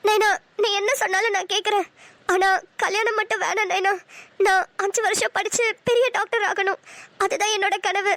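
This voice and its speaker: A woman's voice: extremely high pitch, fairly even intonation, normal speed, fairly bright tone, no echo. A woman voicing a sweet, affectionate young woman in a cartoon. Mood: pleading. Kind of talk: Tamil cartoon dubbing.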